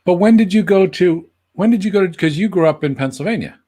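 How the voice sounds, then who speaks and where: A man's voice: high voice, lively intonation, fast talker, mellow, husky. A man co-hosting an interview, chiming in with short, encouraging remarks and questions. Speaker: co-host. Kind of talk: casual interview chat.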